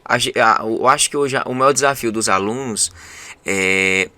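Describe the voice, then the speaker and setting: Brazilian male host, English teacher, bright voice, animated. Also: medium pitch, normal speed. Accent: Brazilian Portuguese. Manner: animated, acts out his students' voices. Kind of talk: casual interview chat.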